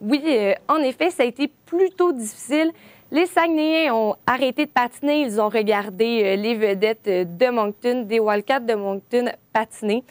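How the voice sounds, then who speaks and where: A young woman reports on a hockey game for a news show. Her voice is fairly high and the sound is close and dry, with frequent pauses filled by hesitations. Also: no room sound. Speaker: sports reporter.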